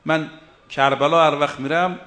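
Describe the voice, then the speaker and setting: High-voiced man preaching emphatically. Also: steady tone, sharp tone. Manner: emphatic, preaches in short rhythmic lists; slowly intones Arabic verses. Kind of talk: religious sermon.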